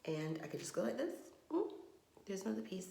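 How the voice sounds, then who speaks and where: Brisk and full of big pitch swings, a woman with a warm, creaky mid-range voice rambles in frustration, trailing off, in a casual vlog monologue. She is using her phone camera in her home bathroom, so the sound echoes and has a little hiss or hum.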